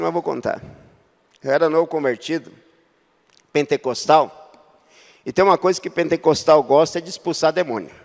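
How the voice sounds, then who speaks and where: A Brazilian man preaches in a church, his voice sitting high for a man. He moves between easygoing storytelling and loud, rising exhortation, and a long reverb trails his words through the hall. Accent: Brazilian Portuguese. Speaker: pastor. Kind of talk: sermon.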